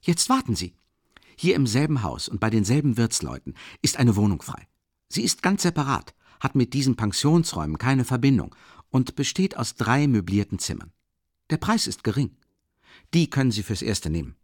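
Eager helpful young friend, read by a male narrator, lively delivery, dry sound. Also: medium pitch, normal speed, dry recording, pitched above the performer's own voice.

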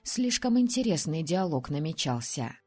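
A husky woman narrates an audiobook in the first person, with an even, measured delivery. Soft music plays faintly behind her. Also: low-pitched.

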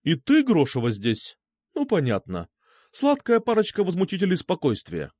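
A man voicing a stern middle-aged female schoolteacher with a contralto voice, who talks loudly and commandingly. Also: high-pitched, huge pitch swings, normal speed, no room sound, studio quality, pitched above the performer's own voice, heavily acted. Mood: stern scolding. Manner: scolding, loud and commanding.

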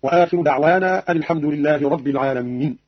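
A man giving a formal scripted explanation of Quranic reading variants in a deliberate classical delivery, on an old radio archive recording. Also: fairly high pitch, breathy edge, no room sound, lo-fi sound.

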